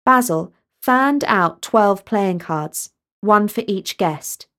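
A woman narrating a storybook in a measured, expressive way. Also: mid-range voice.

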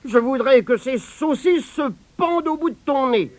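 Man doing a peasant wife, storybook, high and shrill, lively and swooping, greedy and sharp-tongued. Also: takes it slowly, slightly rough, heavily acted. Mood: angry. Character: poor peasant wife, greedy and quick-tempered.

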